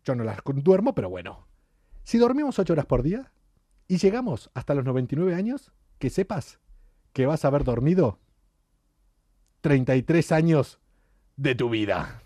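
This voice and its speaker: A man's voice: a little high, big pitch swings, a little fast, dark tone, dry recording. A man with an Argentine accent hosting a casual radio chat show, joking and laughing often. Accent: Argentine Spanish. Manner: joking, laughs often, sometimes sings lines.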